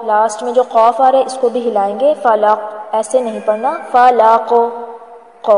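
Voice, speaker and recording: A woman teaching an online tajweed lesson, explaining pronunciation and chanting verses slowly. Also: fairly high pitch, mellow, reverberant, in a large hall. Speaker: Quran recitation teacher.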